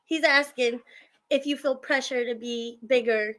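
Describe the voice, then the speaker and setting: A woman with a high, bright voice co-hosts a podcast in casual chat. She teases her partner warmly and laughs easily at his stories. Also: steady tone. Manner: teasing, quick to laugh. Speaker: podcast co-host.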